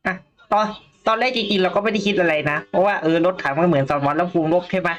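A woman's voice: lowish voice, fast, highs cut off. A woman co-hosting a news talk show, thinking aloud in a casual panel discussion with frequent hesitations.

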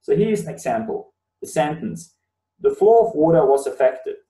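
A Bosnian-born university lecturer in his thirties teaches a webinar lecture, explaining patiently and repeating key words for emphasis. His mellow, darkish voice swings widely in pitch at a normal pace. He sits somewhat back from the mic in a room that echoes noticeably.

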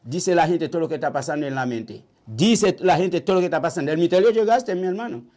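Older man, Haitian accent, high voice, halting, repeats himself, small shrine room. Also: expressive, a little mellow. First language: Haitian Creole. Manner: halting, repetitive storytelling. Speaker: vodou priest. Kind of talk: interview.

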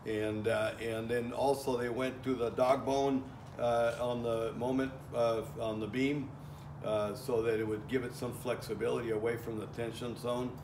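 A man's voice: medium pitch, little pitch movement, moderate pace. A middle-aged man teaching welding outdoors in a plainspoken way, with many fillers and restarts, recorded from a far camera. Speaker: welding instructor. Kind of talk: casual outdoor lecture. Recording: echoey, from a distance, faint ambient noise.

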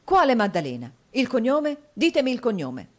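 Storybook: excitable middle-aged male clerk, cryptic and outraged, put on by a woman narrator. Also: on the low side, moderate pace, natural voice. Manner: loud and urgent.

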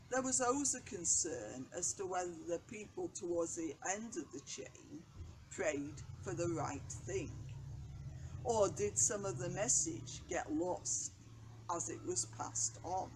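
A woman's voice: on the low side, animated. An older woman vicar reading a daily reflection and prayers from her notes, seated outdoors. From England. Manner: slow, measured reading from notes. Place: outdoors by a brick wall on a bench. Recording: noisy outdoor recording.

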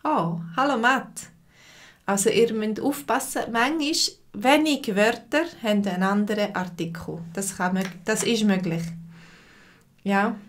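A woman with a Swiss German accent teaches a live online language lesson in a mid-range voice. She speaks slowly and clearly, repeating phrases for her learners.

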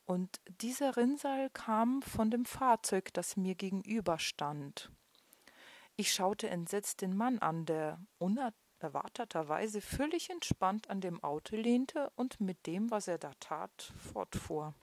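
Slow, dramatic woman storyteller. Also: mid-range voice, expressive, no room sound. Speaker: weight-loss coach. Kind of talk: storytelling and motivational talk.

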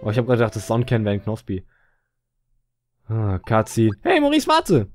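A man's voice: on the low side, level tone, normal speed, warm tone, faint music behind. A man casually commentating as he plays a video game, joking, mumbling and chatting to the screen. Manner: goofy, chatty, talks to the game. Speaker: let's player.

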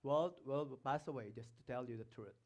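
A man's voice: medium pitch, moderate pace, a little mellow, muffled recording. A man with a Filipino accent preaching a sermon as pastor, reading scripture aloud and putting emphatic questions to the congregation. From Philippines. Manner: reads scripture passages aloud between remarks.

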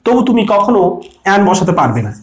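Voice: medium pitch, very animated, fast talker. Patient teacher in an echoey room. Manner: explains patiently, asks questions and answers them. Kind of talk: exam-prep lesson.

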